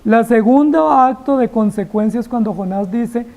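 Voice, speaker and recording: A woman's voice: on the high side, normal speed, warm tone, low-quality recording. A woman preaching an expository sermon, dramatically acting out biblical dialogue and firing rhetorical questions at the congregation.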